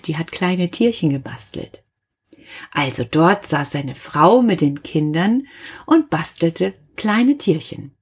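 A woman reading a children's story aloud, gentle and animated, speaking directly to young listeners. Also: lowish voice, husky.

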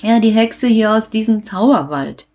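A kindly, patient stranger from a children's story who has been enchanted far from home, as a woman reading aloud puts him on. He explains things calmly and good-naturedly, in a slightly lifted voice. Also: on the high side, moderate pace, soft background music, pitched above the performer's own voice. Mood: patient, explaining.

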